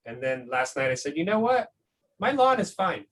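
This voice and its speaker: In a sing-song, slightly high and somewhat bright voice, a man reads a picture book to school families at a moderate pace. He keeps up an encouraging, conversational commentary and regularly checks in with "right?", with noticeable noise in the background.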